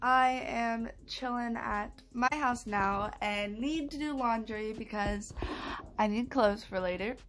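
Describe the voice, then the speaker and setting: A woman's voice: fairly high pitch, takes it slowly, fairly bright tone, a little hiss or hum. A young woman in casual vlog chat, rambling and self-mocking as she talks to a phone held at arm's length in her bedroom. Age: young adult. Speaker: vlogger. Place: small bedroom at home, indoors.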